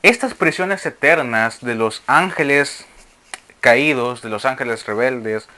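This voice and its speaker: A man delivers a sermon-style Bible lesson in a bright, forceful voice. He reads passages aloud, then breaks off to explain them and put questions to his listeners. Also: mid-range voice, slow pace. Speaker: Bible teacher. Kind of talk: sermon teaching.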